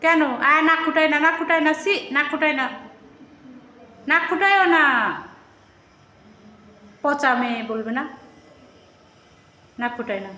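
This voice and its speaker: A woman's voice: high voice, animated, a little slow, pauses often, pushed and bright. A woman talking to her small child at bath time, coaxing in a sing-song voice and saying the same words again and again. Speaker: mother.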